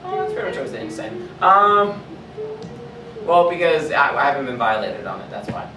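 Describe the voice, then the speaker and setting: A man hosting a podcast, rambling through a rough rehearsal and telling the others what to say, with lots of fillers. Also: medium pitch, wildly swooping pitch, moderate pace, a crowd in the background. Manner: rambling, giving directions with fillers. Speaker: podcast host. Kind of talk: casual rehearsal chat. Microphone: far camera mic. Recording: roomy, distant camera mic with loud noise.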